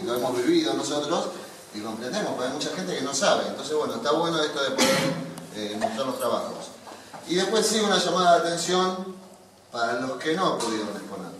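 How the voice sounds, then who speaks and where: A man with an Argentine accent giving a halting, informal speech of praise to students at a school expo, filled with fillers and restarts. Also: medium pitch. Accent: Argentine Spanish. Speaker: school official addressing students. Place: large hall with a crowd, indoors. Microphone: far camera. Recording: echoey hall, far camera, noisy.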